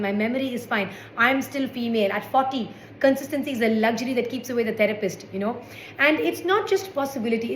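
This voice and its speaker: A woman in her forties from India doing a stand-up comedy set with wry, sarcastic asides. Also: on the high side. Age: 40s. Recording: echoey room with faint background noise.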